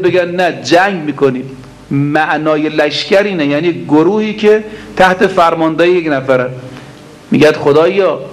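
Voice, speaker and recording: A man with a fairly high voice gives a religious sermon. He chants short Arabic prayer lines slowly, then explains them quickly to the congregation. He keeps asking rhetorical questions to draw the listeners in. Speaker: preacher.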